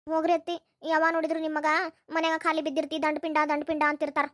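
A timid young daughter-in-law pleads hesitantly in a North Karnataka Kannada accent, as a woman voices her. Her voice is very high and the pace is quick. The sound is dry and close. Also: completely flat delivery, a bit bright, no echo.

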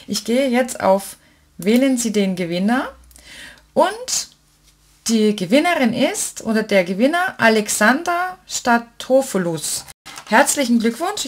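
A woman hosting a casual giveaway announcement, chatting step by step and addressing her viewers fondly. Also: on the high side. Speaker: craft channel host announcing giveaway winners. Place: indoors at a desk with a laptop.

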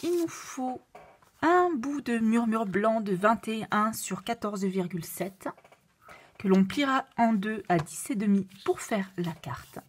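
A woman with a noticeable foreign accent, walking through a craft tutorial with many fillers and self-corrections, at times dropping to a soft whisper. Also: fairly high pitch, a little hiss or hum. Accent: non-native French accent. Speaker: card-making demonstrator.

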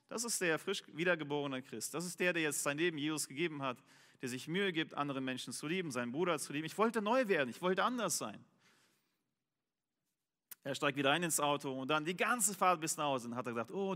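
Bright-voiced preacher man in a reverberant hall. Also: on the high side. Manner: animated storytelling with many fillers and restarts. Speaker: pastor. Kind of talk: sermon with personal story. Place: church hall.

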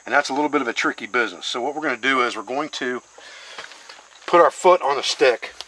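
A bright-voiced bushcraft instructor explains knife work outdoors, carving on a wooden board in a hands-on demonstration. His voice is mid-range and his pace quick, and he walks through each step plainly. The audio is poor.

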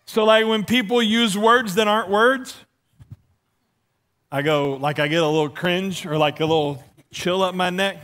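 On a church stage, a middle-aged male pastor with a lisp preaches a funny sermon, pacing and gesturing while acting out dialogue in stories that poke fun at himself. He speaks at normal speed in a high, fairly bright voice.

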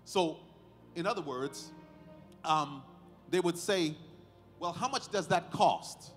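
This time the pastor's voice is fairly high as he preaches at a baby dedication, speaking to family and congregation in a sermon-style ceremonial address. Short deliberate phrases, emphatic stresses, and rhetorical questions mark his speech, which carries hall reverb over faint music in a large indoor sanctuary.

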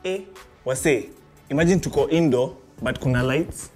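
A man's voice: mid-range voice, normal speed, a little mellow, soft background music. A young man presenting a student video in a playful, slangy scripted way.

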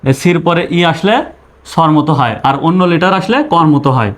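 A man's voice: fairly high pitch, a little fast. Patient man teaching English spelling. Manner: patient, repeats rules and spells letters aloud. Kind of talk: spoken spelling lesson.

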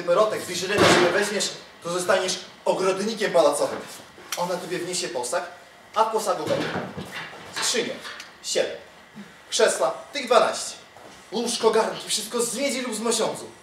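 A man's voice: sits high, normal speed, noisy background, natural voice. A student actor playing a quarrelsome peasant gardener who complains about his cheated dowry, recorded from far off on an echoey stage. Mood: complaining. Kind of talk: stage comedy acting.

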